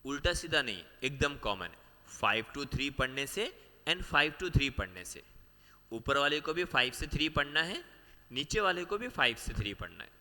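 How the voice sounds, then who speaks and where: A man teaching a biology class for exam prep. He explains step by step, repeats the key points and keeps asking the students quick questions. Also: medium pitch, very animated, bright, forceful tone, big-room sound. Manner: explains step by step, mixing Hindi with English terms.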